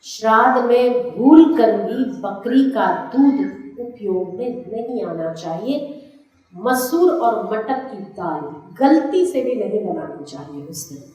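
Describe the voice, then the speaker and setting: A woman gives a religious discourse in a slightly high voice, slow and deliberate. She teaches step by step and repeats each list for the audience to note down. Her voice rings through a very echoey hall. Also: a little mellow. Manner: slow, didactic, repeating lists for note-taking. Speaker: spiritual teacher.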